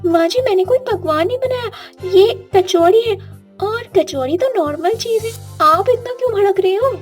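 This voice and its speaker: Woman voicing a very high, meek young bride. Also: animated, moderate pace, soft background music. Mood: pleading. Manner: pleading, polite. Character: meek young daughter-in-law who loves cooking.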